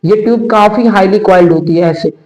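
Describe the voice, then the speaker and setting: A man's voice: high voice, brisk, darkish tone. A young man teaching a biology lesson to exam students, repeating key terms and asking questions that he answers himself. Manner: repetitive, coaxing, asks questions and answers them himself. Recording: echoey room.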